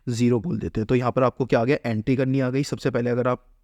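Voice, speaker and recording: A man's voice: mid-range voice, steady tone, fast, darkish tone, dry recording. A man teaching accounting, who keeps asking questions and answering them himself and acts out what a company says. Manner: asks and answers his own questions, acts out the company's lines. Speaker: commerce teacher. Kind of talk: explaining an accounting lesson.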